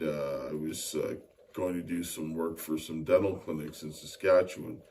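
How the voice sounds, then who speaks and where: Speaking at an extremely low pitch with a dark tone, a middle-aged Winnipeg man explains his technical work as an interview guest. He hesitates often, filling gaps with fillers. The recording comes from a distant mic, with faint ambient noise behind him.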